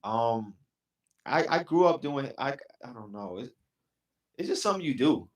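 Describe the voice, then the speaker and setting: Young NY rapper guy, relaxed, easygoing talk, mid pitch. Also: moderate pace. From New York City. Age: young adult. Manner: laid-back, repeats "you know what I'm saying". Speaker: rapper and producer, guest. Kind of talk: casual interview chat.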